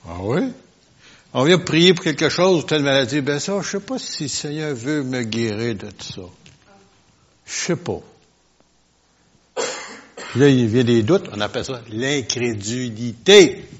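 A male preacher gives a sermon and speaks straight to his congregation, full of questions and asides. He drops to near-murmurs, then surges into loud, forceful declarations. His voice sits at an ordinary pitch on a dull, lo-fi recording. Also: expressive, measured pace, long pauses, slightly rough. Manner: swings from quiet asides to loud emphatic bursts. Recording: lo-fi, dull sound.

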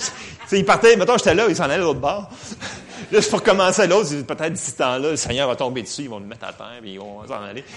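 A man with a Quebec French accent preaches in church, sharing a personal testimony as an animated story punctuated by laughter. His voice is mid-range.

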